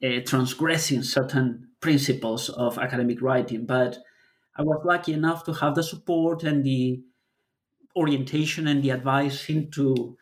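A man's voice: mid-range voice, fairly even intonation, moderate pace. A man from Peru, a scholar giving a thoughtful interview and searching for words as he explains his work. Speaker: author, academic guest. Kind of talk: podcast interview.

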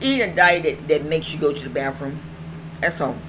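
This middle-aged woman speaks at a moderate pace in a low voice, her toothless mouth making her words slightly slurred. Hosting her own online show, she rambles through casual vlog chat and repeats phrases to stress them. Noise is clearly audible in the home recording.

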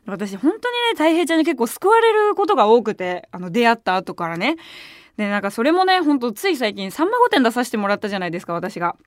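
Fast-talking, animated woman radio host. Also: on the high side, no echo, studio quality. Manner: animated, excitable storytelling. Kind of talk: casual solo radio chat. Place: radio studio. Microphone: studio microphone.

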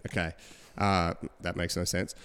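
Male podcast host, animated storyteller, smooth tone, reverberant room. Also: sits low, unhurried. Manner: animated storyteller, acts out quotes. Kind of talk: casual chat.

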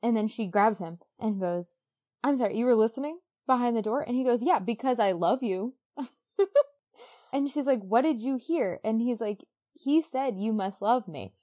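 A woman's voice: fairly high pitch, expressive, normal speed, warm tone. A woman co-hosting a podcast, recapping a book casually and acting out dialogue in informal modern slang. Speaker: podcast co-host.

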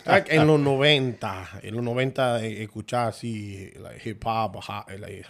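A man's voice: fairly low pitch, a little slow, creaky, a bit bright. A man with a Dominican accent, co-hosting a casual chat and recalling growing up with his grandmother. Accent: Dominican Spanish. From Dominican Republic. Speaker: podcast co-host.

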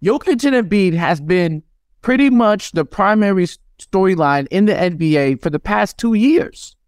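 Higher-voiced male podcast host, dry sound. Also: lively intonation, no room sound. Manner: friendly interviewer, halting with fillers. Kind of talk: casual sports chat.

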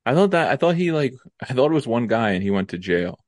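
Teasing young man, lively voice. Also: mid-range voice, no echo, studio quality. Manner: teasing, quick interjections. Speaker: podcast co-host. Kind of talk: casual chat.

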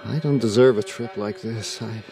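An actor playing a bitter, self-loathing spaceman facing death in a radio drama, halting and theatrical. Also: on the low side, mellow, lightly acted. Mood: awestruck wonder.

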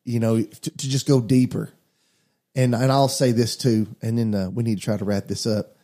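Earnest preacher guy chatting about faith, warm dark tone. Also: mid-range voice, flat delivery, normal speed. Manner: earnest, preachy, addresses listeners as guys. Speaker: pastor. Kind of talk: casual faith talk.

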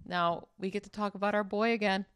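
Upbeat woman with a smooth voice. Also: medium pitch, no room sound, studio quality. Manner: upbeat and animated, quick asides. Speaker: podcast co-host. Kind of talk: casual sports podcast chat.

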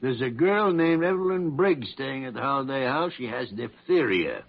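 An actor playing a blunt, commanding doctor in an old-time radio drama, emphatic and brusque. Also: male voice, mid-range voice, expressive, moderate pace, vocal fry. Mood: grave, brusque. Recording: dull lo-fi old radio recording.

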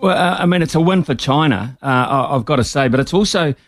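A man with a New Zealand accent hosting a casual live radio interview, halting and repeating himself as he mulls over his words. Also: fairly high pitch, expressive, no echo. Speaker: sports radio host.

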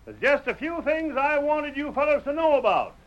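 An actor playing a gruff, plainspoken American sheriff who talks like a mountain man in an old-time western radio drama. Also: very high voice, expressive, normal speed, dull audio. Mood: stern, satisfied. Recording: noisy old radio recording.

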